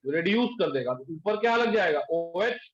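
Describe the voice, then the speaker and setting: A male chemistry teacher lecturing a class in speech, quizzing students and pushing them to answer quickly. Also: high voice, lively intonation, soft background music. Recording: echoey room, dull lo-fi sound.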